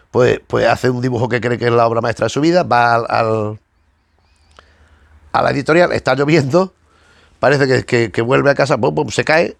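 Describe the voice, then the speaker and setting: A man's voice: medium pitch, vocal fry, dry recording. A man reviewing comic books in a casual, hesitant way, often repeating words as he searches for the next thought. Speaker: comic book reviewer, channel host. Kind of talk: casual spoken review while leafing through comics.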